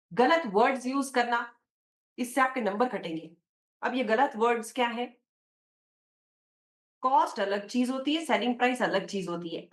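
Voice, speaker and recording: A woman teacher with an Indian accent, giving an exam prep lecture in a mix of Hindi and English, explaining slowly and quizzing her students. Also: a little high, fairly bright tone. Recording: echoey room.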